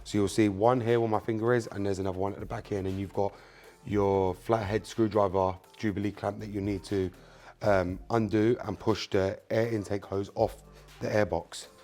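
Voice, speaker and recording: With soft background music, a Spanish-native car mechanic channel host talks at a normal speed in a lowish, slightly mellow voice with little pitch movement. He's doing a hands-on repair tutorial, casually addressing "you guys" and often repeating "um" and "obviously."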